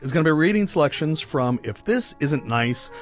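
A man's voice: a little high, animated, normal speed, lo-fi sound, faint music behind. A man co-hosting a radio arts show, chatting and bantering through event listings.

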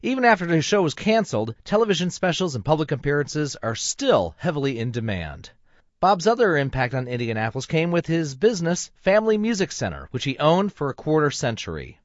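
Male radio host, scripted tribute read, lively intonation, dry and slightly muffled close studio sound. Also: on the high side, fairly quick, dry recording.

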